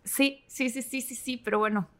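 A Mexican woman co-hosting a podcast, telling a childhood story in a lively, chatty way and acting out the voices in her head. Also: high voice, normal speed, a little hiss or hum. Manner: animated, acts out inner voices. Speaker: podcast co-host. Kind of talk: casual storytelling chat.

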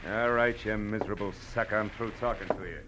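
Hard and pressing, a male American actor narrates his case as a tough, wry private detective, serving as lead and narrator of a hard-boiled 1940s radio drama. His natural voice is on the low side, fairly quick, with fairly even intonation and a clipped, sardonic, slangy delivery. The vintage radio recording is noisy.

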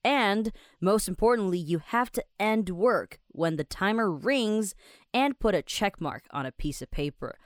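A Taiwanese woman with a Taiwanese Mandarin accent hosts a podcast English lesson, reading English lines aloud and then explaining them in chatty Mandarin. Her medium-pitched voice has lively intonation and a slightly slow pace, captured in a dry, studio-quality recording.

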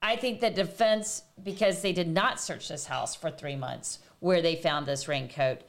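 A woman co-hosting a casual panel discussion, lively and steering the conversation. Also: low-pitched, unhurried. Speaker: co-host.

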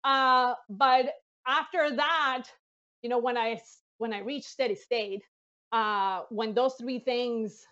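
Fast, excited, and high-pitched with a bright edge, a woman speaks as a guest in an interview over a video call that sounds a little muffled. She leads NASA missions, comes from Colombia, speaks Spanish as her first language, and tells stories with animated enthusiasm and laughter.

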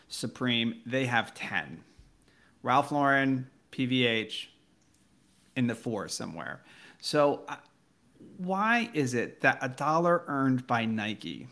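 A man hosting a podcast as a financial reporter, interviewing conversationally and rephrasing in a halting way as he builds his questions. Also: mid-range voice, bright, forceful tone.

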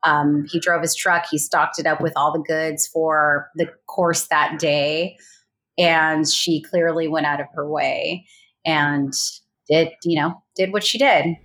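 A woman's voice: sits low, fairly even intonation, takes it slowly, fairly bright tone. A woman recounting a real crime in a casual interview, hesitant with many fillers and restarts. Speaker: guest recounting a colleague's murder.

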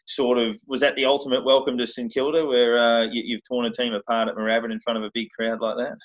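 A man's voice: mid-range voice, little pitch movement, fast talker, dull audio. A man hosting a podcast, asking long questions full of match stats and laughing along with his guest. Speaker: podcast host. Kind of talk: casual interview.

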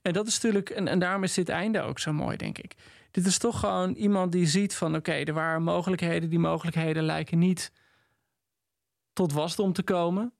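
A man's voice: high-pitched, fairly quick, vocal fry, dry recording, studio quality. A man co-hosting a book chat, thinking aloud reflectively with many hesitations. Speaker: podcast co-host. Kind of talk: casual literary chat.

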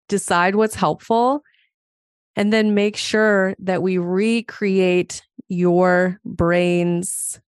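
A woman's voice: on the low side, no room sound, studio quality. A woman from Montana hosting a solo podcast as a psychologist, chatty and explanatory. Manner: chatty, explanatory, laughs now and then.

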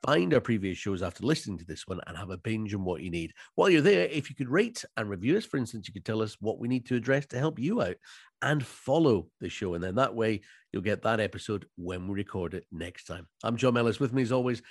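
A man with a Scottish Highland accent presenting a podcast in a chatty, jokey, wordy way. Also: lively intonation, fast, breathy edge, dry recording, studio quality. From Inverness, Scottish Highlands. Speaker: podcast host.

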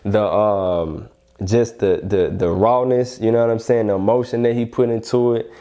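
Mellow Southern man, slangy and casual. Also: fairly low pitch, steady tone, moderate pace. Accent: Southern US, Alabama. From Alabama, United States. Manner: slangy, repeatedly checks "you know what I'm saying". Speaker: rapper being interviewed. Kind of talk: casual interview talk.

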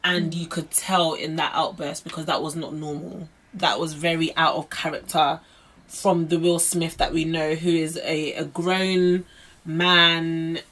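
Young british woman, podcast host, lowish voice, just chatting. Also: level tone, measured pace, fairly bright tone. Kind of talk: casual chat.

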